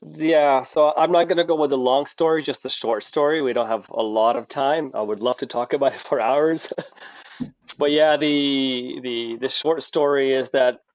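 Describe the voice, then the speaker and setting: A middle-aged man from Hungary, a company founder, is a guest on a casual podcast interview, chatting and spinning long stories full of restarts. His mid-range voice keeps a steady tone and measured pace, with dull, lo-fi, dry audio and no echo.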